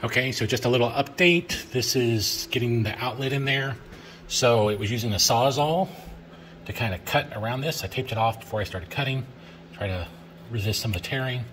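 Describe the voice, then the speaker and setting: The speaker is a middle-aged man vlogging DIY home improvement, explaining a task step by step in a spacious garage with an occasional filler. His medium-pitched voice has a fairly bright tone and moderate pace, and the camera, on a tripod across the garage, picks up a roomy sound with slight hiss or hum.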